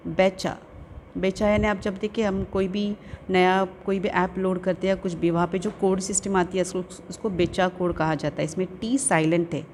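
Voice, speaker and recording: Woman teacher in a slow, careful lesson. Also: lowish voice, darkish tone, slight background noise. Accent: Urdu-speaking Indian. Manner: slow, careful pronunciation of English words, repeating each twice. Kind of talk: classroom lesson explanation.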